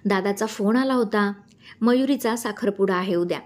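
A woman's voice: medium pitch, normal speed, a little mellow, natural voice. Woman voicing a shy, fussing older wife. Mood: bashful. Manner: bashful, fussing.

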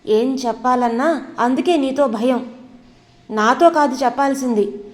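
A woman's voice: unhurried, a little mellow, long reverb tail. A woman doing a furious proud young wife. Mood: indignant. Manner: shrill, accusing, tearful outbursts. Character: proud angry young wife, quick to fight.

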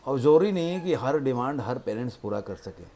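A man telling a moral story in a plain, conversational way, with pauses, as host of his own channel. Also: mid-range voice, expressive, dark tone.

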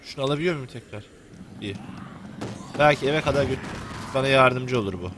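A man's voice: mid-range voice, fairly quick, noisy background. A young man commenting on a video game while he plays, joking and cursing at the characters. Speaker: gameplay commentator. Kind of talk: let's play commentary.

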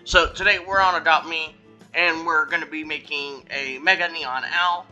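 A man hosting a gaming video, talking in a relaxed way with plenty of fillers. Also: on the high side, moderate pace. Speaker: host of a gaming channel. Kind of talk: casual gameplay chat. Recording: dull lo-fi sound, faint music.

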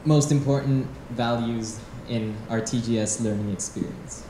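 A young man reads his presentation from a phone into a handheld mic, in a measured way. His voice is mellow. The echo of a dim event hall surrounds him, with a faint hum behind. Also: mid-range voice, fairly even intonation. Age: young adult. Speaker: student presenter. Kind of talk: reading a presentation.

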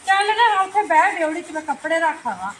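A woman's voice: a little high, quick pace, a bit bright, recorded from a distance, natural voice. A woman playing an exasperated, busy village housewife in a comedy skit, a dramatic aunty with a Punjabi accent who scolds and exclaims. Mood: loud, annoyed. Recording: echoey, noisy home video sound.

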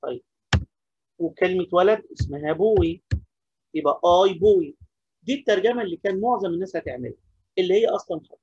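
Egyptian male teacher, quick, husky, questions and answers himself; dry lo-fi sound. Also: high-pitched, animated, warm tone. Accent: Egyptian Arabic. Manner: repeats key points, asks and answers questions himself. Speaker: English teacher. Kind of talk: classroom-style lesson explaining grammar.

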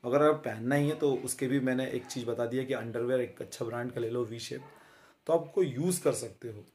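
A thirty-something fitness vlogger speaks straight to camera in a relaxed, friendly way, his medium-pitched voice a little mellow. Filler sounds and tag questions punctuate his frequent pauses. A close-held phone captures him in a small room.

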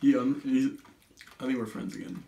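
A young man with a mid-pitched voice tossing out playful, teasing remarks. He is picked up from a distance in an echoey room with faint background hiss. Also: little pitch movement, moderate pace, mellow. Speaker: co-host. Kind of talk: casual chat.

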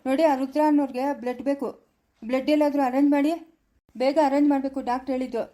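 Woman doing a quick bossy nurse in a family skit, high voice, warm dark tone. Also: flat delivery, lightly acted. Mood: scolding. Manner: curt, scolding instructions. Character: brisk female hospital nurse. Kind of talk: amateur family skit acting.

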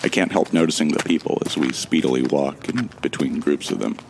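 The narrator, who is also the hero, is a man with an extremely deep voice and a rough, gravelly edge, recounting a sci-fi audio drama in the first person. Wry and relaxed, he jokes around and swears now and then, moving fairly quickly with a slightly mellow sound and a bit of hiss or hum.

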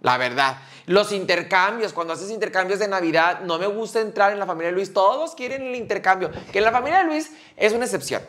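A man's voice: sits high, lively intonation, a bit bright. A man with a Mexican accent, chatting bluntly on a podcast and mocking what he dislikes. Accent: Mexican Spanish. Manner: blunt, opinionated, quick to mock. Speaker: podcast co-host. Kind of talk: casual chat.

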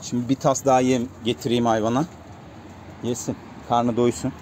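At a moderate pace and level tone, a man with a medium-pitched, darkish voice vlogs casually from his coop, calling his pigeons again and again to coax them. Pigeons coo amid slight background noise.

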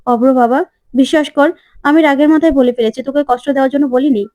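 Woman voicing a reproachful aunt, pointed, high voice, dry sound. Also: steady tone, fast, mellow, dry recording, close to an everyday voice. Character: sharp-tongued aunt defending the poor daughter-in-law.

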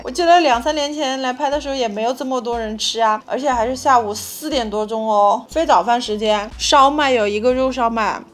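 A young woman food vlogger giving casual, enthusiastic and emphatic commentary as she eats in a small room. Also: medium pitch. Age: young adult. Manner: enthusiastic, emphatic with repeated words; talks while eating.

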